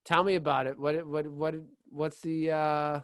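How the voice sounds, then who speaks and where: A man co-hosting a casual sports podcast, excitable, rambling and full of "like" and restarts. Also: on the high side, unhurried, dry recording. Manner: excitable, laughs easily. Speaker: podcast co-host.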